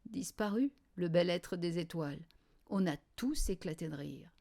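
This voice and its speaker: A woman narrating a children's novel in the first person, in a quiet, wry diary style. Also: fairly low pitch, expressive, normal speed, creaky. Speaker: audiobook reader.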